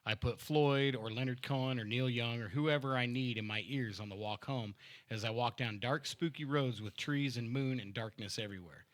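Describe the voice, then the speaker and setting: A man's voice: medium pitch, normal speed, no room sound. A man hosting a casual podcast in a home-built studio, chatting loosely with laughs and fillers and reading a fan letter aloud. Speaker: podcast host and band member. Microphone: studio mic with headphones.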